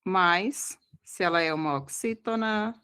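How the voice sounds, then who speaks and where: A woman with a lowish, smooth voice that is bright and forceful leads an exam-prep grammar lesson in a Brazilian Portuguese accent. Explaining step by step, she checks on her students with frequent "tá?" and "tá bom?" and slows down on important words in a didactic way.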